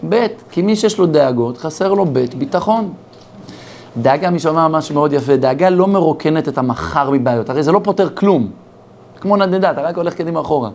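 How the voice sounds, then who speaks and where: Animated storytelling Israeli rabbi, higher voice. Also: male voice, slight background noise. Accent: Israeli Hebrew. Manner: animated storyteller acting out dialogue. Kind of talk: sermon with parables.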